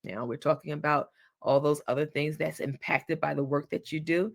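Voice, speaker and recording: A woman's voice: deep voice, fairly even intonation, normal speed, gravelly. Woman podcast host, solo advice talk, easygoing and encouraging, casual phrasing. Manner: chatty, encouraging, colloquial.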